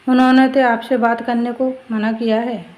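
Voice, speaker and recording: A woman's voice: on the high side, level tone, normal speed, a little mellow, lightly acted, low-quality recording. A woman voicing a tearful schoolboy who pleads with his sister-in-law, speaking in a pleading, tearful way.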